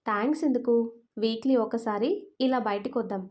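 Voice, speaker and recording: A woman's voice: on the high side, fairly even intonation, fairly quick, darkish tone, close to an everyday voice. A woman voicing a young husband who jokes and mock-complains to his wife, in an audio storybook. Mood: grumbling.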